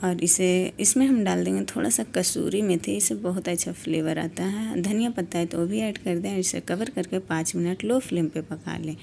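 A woman's voice: fairly low pitch, moderate pace, creaky, few pauses, warm tone, slight background noise. A woman walking through a home recipe step by step in a homely instructional voice-over. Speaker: home cooking channel host.

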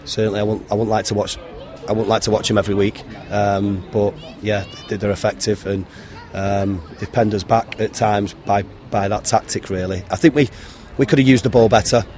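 Man in his thirties, football manager, low even delivery, frank post-match talk into a handheld mic outdoors. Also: brisk. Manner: frank, plain-spoken, many ums and restarts. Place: outdoors beside a football pitch. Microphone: handheld interviewer mic held to him.

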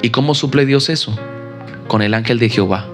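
A man's voice: medium pitch, a little fast, soft background music. A man preaching a sermon in an emphatic style, acting out the people he quotes.

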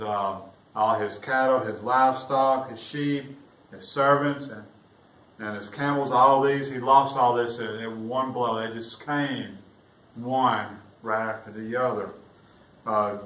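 Man preaching in an echoey church. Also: distant mic. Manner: swells louder and higher when reading scripture aloud. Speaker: pastor. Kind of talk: sermon. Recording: roomy echo, voice off-mic, faint room noise.

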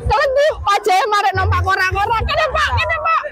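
Excitable east javanese lady vlogging, voice way up high and all over the place, loud music and crowd behind. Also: fairly quick. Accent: East Javanese Indonesian. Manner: excitable, exclaiming, repeating words. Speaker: family vlogger. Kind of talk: casual vlog chat with excited calls to companions. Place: outdoor night fairground. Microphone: handheld phone camera.

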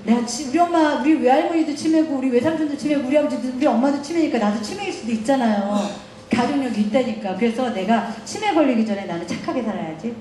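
A woman's voice: sits high, quick pace. A middle-aged woman giving a guest lecture, telling family stories with lots of laughter. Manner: animated storytelling, laughing often. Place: lecture hall. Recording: echoey lecture room.

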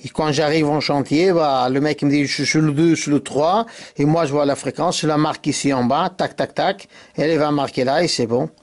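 Casual man with a slightly high voice. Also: steady tone, brisk. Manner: hesitant, informal, tag words. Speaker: amateur video host. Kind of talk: casual hands-on demonstration. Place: cluttered indoor workshop.

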